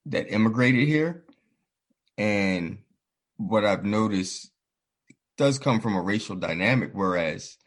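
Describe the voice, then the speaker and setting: A man with a lowish, husky voice talks through his views in casual conversation. He sounds earnest and reflective, building his points slowly and slipping into quoted voices as he tells stories. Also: animated. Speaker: podcast host.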